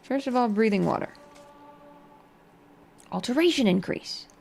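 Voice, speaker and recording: Girl gamer chatting quietly late at night, highish voice, lots of vocal fry. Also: lively intonation, unhurried, faint music behind. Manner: quiet, low-key late-night talk. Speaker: game streamer. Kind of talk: casual let's play commentary.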